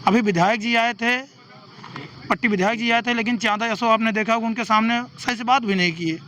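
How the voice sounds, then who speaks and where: High-voiced guy, bright edge, lawyer talking to a reporter outside, faint noise behind. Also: brisk. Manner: formal, demanding, lists legal sections. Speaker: advocate and local election candidate. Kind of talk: on-the-spot statement to a reporter.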